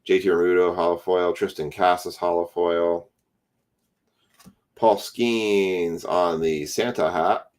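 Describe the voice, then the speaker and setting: A man's voice: deep voice, fairly even intonation, slow, a little mellow. A tired man hosting a casual card break, calling out player names as he opens packs. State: tired, yawning.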